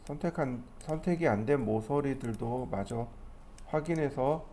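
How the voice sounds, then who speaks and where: A man teaching a 3D modeling class, explaining each step as he clicks through the software. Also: medium pitch, measured pace, slight background noise. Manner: step-by-step explaining, thinking aloud while clicking. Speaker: 3D modeling instructor. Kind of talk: screen-recorded software tutorial.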